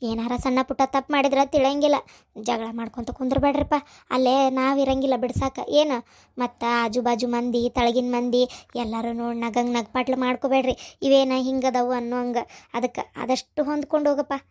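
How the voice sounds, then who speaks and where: A woman's voice: high voice, level tone, a little fast, darkish tone, lightly acted. A woman voicing a fussy older cartoon mother-in-law who nags with advice, with a North Karnataka Kannada accent. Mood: fussing. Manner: nagging, instructing. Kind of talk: cartoon voice acting.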